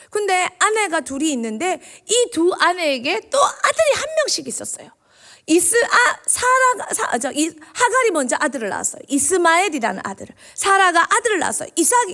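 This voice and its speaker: High lively woman preaching to kids. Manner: animated, quizzing children with questions. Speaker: children's minister. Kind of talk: interactive children's sermon. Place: church.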